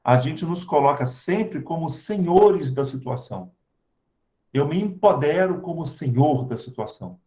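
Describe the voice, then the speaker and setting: A man's voice: on the high side, lively intonation, a little slow, darkish tone. A man giving a conversational spiritual talk, asking his audience rhetorical questions. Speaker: spiritual lecturer. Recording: dull lo-fi recording.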